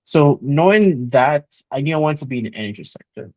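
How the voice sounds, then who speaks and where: A man, a chemical engineer talking earnestly in an interview, often pausing with "uh" and starting with "so". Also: a little high, expressive, a little mellow, no echo, poor audio. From Jamaica. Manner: earnest, motivational, frequent "uh" and "so". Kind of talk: conversational interview.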